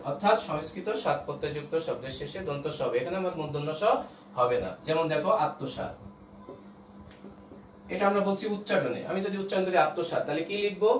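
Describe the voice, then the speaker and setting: A man teaching an online class, explaining step by step and often checking that his students follow. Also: a little high. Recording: roomy echo, voice from a distance, faint noise.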